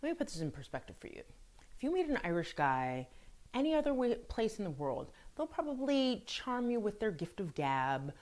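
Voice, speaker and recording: Lively, blunt woman vlogger. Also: medium pitch, normal speed. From France. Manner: candid, chatty, blunt with swearing. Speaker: video blog host. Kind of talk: casual storytelling monologue.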